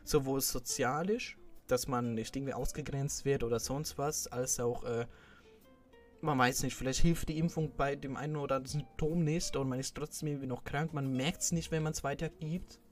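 A man's voice: mid-range voice, steady tone, normal speed, faint music behind. A young man talking casually in a rambling way, with many fillers and restarts. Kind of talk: casual chat.

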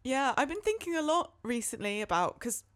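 A young British woman chatting casually as a podcast co-host, with an animated, talkative manner. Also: high voice, a little fast. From United Kingdom. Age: young adult. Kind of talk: casual chat.

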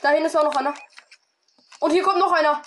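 A woman chatting with teammates during an online shooter match, trading slangy callouts and sometimes shouting in excitement. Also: high-pitched, quick pace. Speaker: gamer. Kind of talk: excited gaming chat with teammates.

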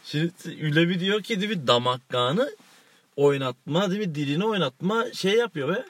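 A man's voice: a little high, lively intonation, fairly quick, dry recording. A man co-hosting a casual, joking chat show, rambling and laughing often. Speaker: co-host.

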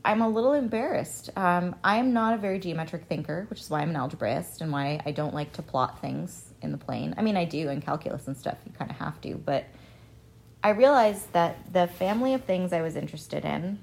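A woman's voice: deep voice, fairly quick, vocal fry. A woman math professor, a radio interview guest, chatting casually and acting out the exchanges she tells about. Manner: animated storyteller, acts out quoted exchanges. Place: radio studio.

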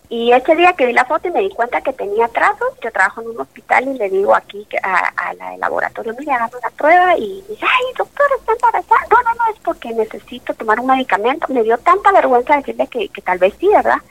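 A woman's voice: fairly high pitch, vocal fry, no room sound, low-quality recording. A woman in her late thirties, a doctor, giving an emotional faith testimony in an interview and acting out the dialogue as she tells it. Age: 30s. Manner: animated storyteller, acts out dialogue, speaks of faith.

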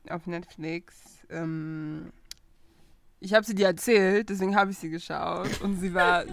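A young woman co-hosting a casual chat, talking lively and slipping English phrases in between. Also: mid-range voice. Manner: lively, mixes English phrases into German, laughs often. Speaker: podcast co-host.

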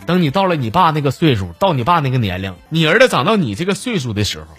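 A man's voice: on the high side, very animated, fast talker. A man with a Northeastern Mandarin accent hosting a radio comedy show, telling jokes in a chatty way and laughing at his own punchlines. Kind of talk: joke-telling monologue. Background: background music.

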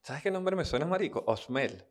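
A man from Venezuela with a Venezuelan accent, co-hosting a casual podcast and teasing his partner with quick jokes. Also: a little high, expressive. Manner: joking, teasing, quick asides. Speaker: podcast co-host, comedian.

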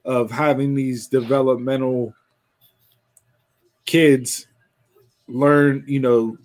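A man's voice: medium pitch, little pitch movement, takes it slowly, darkish tone. A man hosting a casual wrestling talk show, rambling and restarting his sentences.

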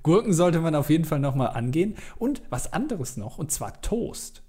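Mellow-voiced man, rambling podcast host. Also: on the high side, very animated, normal speed. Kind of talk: casual chat, joking.

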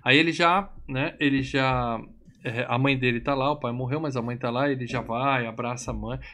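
A man's voice: mid-range voice, moderate pace. Male co-host, medium voice, loose profane storyteller. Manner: animated, profane storytelling with acted quotes. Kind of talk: casual film recap chat.

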